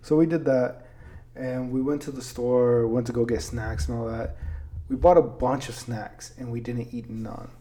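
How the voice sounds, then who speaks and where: A man's voice: mid-range voice, fairly even intonation, normal speed, warm tone. A young man hosting a podcast, casually telling family stories and dropping "dude" and "like" all the time. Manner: laid-back, peppers speech with "dude" and "like". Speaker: podcast host. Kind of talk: casual storytelling chat.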